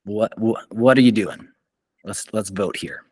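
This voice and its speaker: A man's voice: lowish voice, a little slow, darkish tone, breathy edge. Upbeat man moderating a video call. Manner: chatty and upbeat, with many fillers and restarts. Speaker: journal club moderator. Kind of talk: casual online meeting chat.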